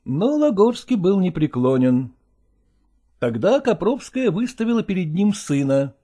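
A woman reading a novel aloud in a measured storytelling way. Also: on the low side, sing-song, mellow, husky. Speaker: audiobook reader. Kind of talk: scripted narration.

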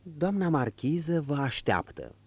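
A man's voice: a little high, sing-song, husky, voice pushed up. A man voicing an old, worried manservant who pleads and fusses over his master, in a dull recording. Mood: deferential. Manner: pleading, fussing. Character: old worried male servant. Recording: dull lo-fi audio.

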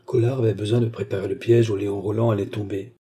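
A male audiobook narrator reads a novel in a measured, steady manner. His voice is very dark and husky, and he keeps an even, unhurried flow. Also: fairly low pitch.

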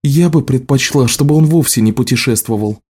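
A man's voice: mid-range voice, brisk, darkish tone, slightly rough, voice pushed up, natural voice. A man voicing an anxious adult wife who scolds and pleads in a raised, tearful voice for an audiobook. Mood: angry, pleading.

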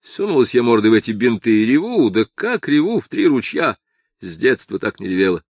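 A man's voice: mid-range voice, very animated, brisk, no room sound, voice pushed up. A man reading an audiobook and voicing a languid young woman in a drawling, lazy, teasing manner. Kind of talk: audiobook character voice.

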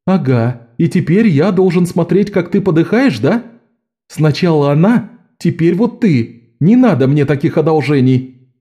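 A man's voice: mid-range voice, lively intonation, normal speed, warm tone, close to an everyday voice. A man voicing a blunt protective thief. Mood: anguished. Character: adult male thief, blunt protective friend.

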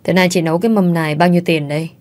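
A woman's voice: lowish voice, steady tone, racing, darkish tone, close to an everyday voice. A woman voicing a stingy, harsh old mother-in-law who scolds and wails at her family. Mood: curt. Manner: scolding, wailing.

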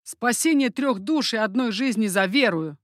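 A woman reading an audiobook, voicing a bold young swordsman who speaks in slow, stern commands. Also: fairly high pitch, lively intonation, no echo, studio quality, lightly acted. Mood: commanding. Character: young male Piedmontese swordsman, bold and harsh.

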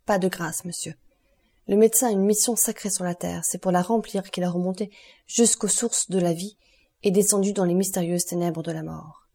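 A woman reading the part of a stern, relentless male doctor, solemn and accusing in a measured way. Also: lowish voice, fairly even intonation, mellow.

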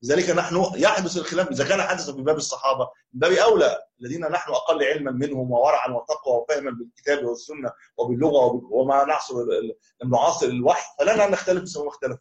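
A man teaching a religious text to a class, joking casually with his students. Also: medium pitch. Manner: fast, casual banter with students after formal recitation. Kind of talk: lecture on a creed text.

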